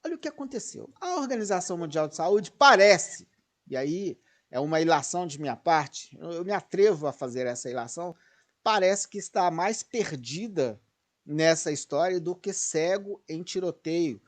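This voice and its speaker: Excitable man hosting commentary. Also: fairly high pitch, normal speed. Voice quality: excitable, digressive, self-correcting. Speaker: host. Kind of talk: political commentary.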